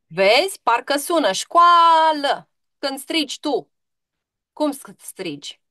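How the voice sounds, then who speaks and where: A woman teacher leads an online grammar lesson, patiently asking pupils questions and stretching out example words. Her voice is bright and slightly high. The sound is dry and close, with no room around it. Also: very animated, no room sound.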